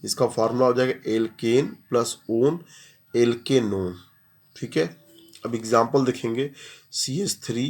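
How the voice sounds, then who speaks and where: A man's voice: mid-range voice, a little mellow. A man talks through a chemistry lesson in a mid-range voice. He moves step by step, repeats each key term, and poses questions that he answers himself. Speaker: chemistry teacher. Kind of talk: classroom lecture.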